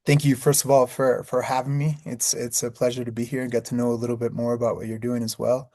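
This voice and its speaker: A man from Peru, whose first language is Spanish, speaks as a podcast guest at a middle pitch. He talks in a relaxed, easygoing way, repeating words as he restarts sentences. The sound is dry. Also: fast, dry recording. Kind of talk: casual interview.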